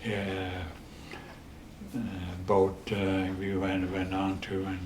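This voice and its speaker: With a Dutch accent and a very low, steady, flat voice, an eighty-something man from the Netherlands slowly tells stories as an interview guest, pausing and restarting often. The casual interview takes place in an echoey space with faint ambience and slight background noise.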